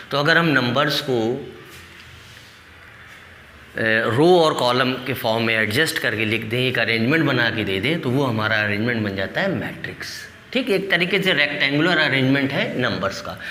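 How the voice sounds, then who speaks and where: Bright-voiced man teaching in an echoey hall. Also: medium pitch, a little hiss or hum. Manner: asks the class questions and answers them himself, counts aloud; addresses students as "beta", coaxing. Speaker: maths teacher. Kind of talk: classroom board lesson. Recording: echoey hall, mic from a distance.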